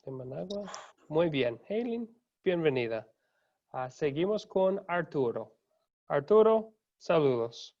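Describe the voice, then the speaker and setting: A man leading an online class as pastor, speaking slowly and courteously as he welcomes each student by name. His voice sits a little high. The sound is the dull, lo-fi audio of a video call. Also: very animated, a little mellow. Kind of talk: unhurried roll call of students.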